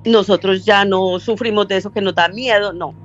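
A woman's voice: mid-range voice, steady tone, normal speed, muffled recording, soft background music. Older Colombian woman from Medellín telling a story. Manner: rambling, self-correcting, acts out quoted dialogue. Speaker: caller sharing a story. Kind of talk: casual storytelling.

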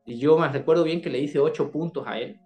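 Man, Bolivian accent, fairly high voice, earnest interview storytelling, repeats his words. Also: a little fast, over music. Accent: Bolivian Spanish. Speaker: doctor, interview guest. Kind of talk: first-person storytelling in an interview.

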